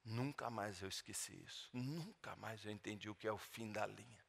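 A middle-aged man preaching, telling a personal story with fervor, swinging between loud emphatic preaching and hushed storytelling. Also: fairly low pitch, moderate pace, creaky, slightly rough. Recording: long hall reverb.

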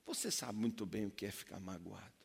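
A pastor delivers an impassioned sermon. His delivery builds to loud, fervent peaks. His voice is heavily gravelly and husky, with a long reverb from a church hall. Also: fairly low pitch, brisk.

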